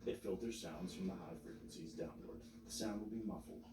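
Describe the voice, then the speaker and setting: Male tutorial narrator, low register, measured scripted instruction, recorded roomy and at some distance. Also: very noisy. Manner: measured step-by-step explaining. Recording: roomy, distant mic, music behind.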